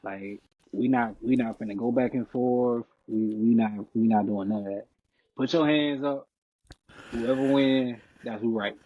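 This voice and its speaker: A man's voice: mid-range voice, fairly even intonation, measured pace, no room sound. Emphatic man over a tinny, dry line. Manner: emphatic, heated storytelling with slang. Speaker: podcast co-host. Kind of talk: casual chat.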